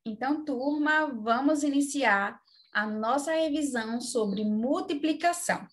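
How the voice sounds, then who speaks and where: High-voiced, slow Brazilian teacher. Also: female voice. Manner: calm, step-by-step explaining. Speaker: primary school teacher. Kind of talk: remote lesson for young children.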